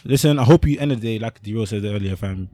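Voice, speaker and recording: Fast-talking young London roadman. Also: on the low side, dark tone. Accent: London roadman, multicultural urban London. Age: 20s. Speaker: podcast co-host. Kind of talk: casual slang-heavy chat.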